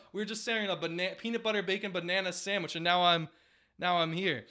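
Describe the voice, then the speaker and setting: A bragging old baseball hero who whines to be sent back, as a comic puts him on. His voice jumps high and loud. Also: fairly even intonation, brisk. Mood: whiny. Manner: whiny, bragging. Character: boastful old male baseball legend, whiny.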